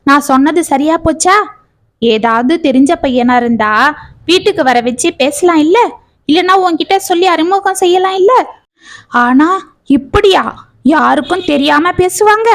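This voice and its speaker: A woman voicing a meddling older female relative who insinuates and stirs trouble in a drawn-out way. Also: high voice, pitched above the performer's own voice. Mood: insinuating.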